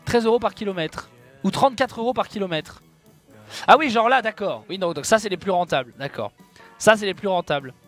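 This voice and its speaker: A man's voice: high-pitched, brisk, a bit bright, soft background music. A man giving casual commentary over his own gameplay, exclaiming at his mistakes and making joking, self-mocking asides to his viewers. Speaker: video game streamer.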